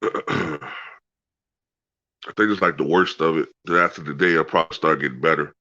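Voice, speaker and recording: A man's voice: a bass voice, steady tone, moderate pace, bright, forceful tone, highs cut off. A man chatting casually and profanely as a sports livestream host, his nose stuffed up by a cold so he sounds congested and nasal. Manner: profane, colloquial, peppered with "man" and "you know". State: congested with a head cold, clearing throat. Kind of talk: casual rambling chat to live viewers.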